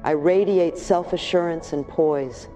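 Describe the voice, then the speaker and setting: A woman giving scripted, gentle affirmation narration, addressing the listener affectionately. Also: on the low side, unhurried, soft background music.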